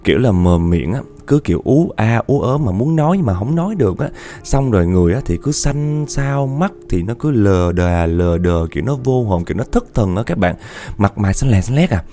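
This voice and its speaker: A man telling a ghost story, animated, repeating words for effect and speaking straight to his listeners. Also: on the low side, a little fast. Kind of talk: spoken ghost story narration.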